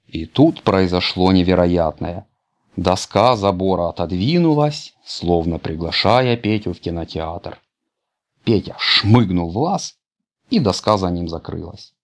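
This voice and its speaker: Guy reading a kids' fairy tale, super animated, voice jumps all over. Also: low voice, a little slow. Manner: expressive, animated. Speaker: narrator. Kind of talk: storybook reading for children.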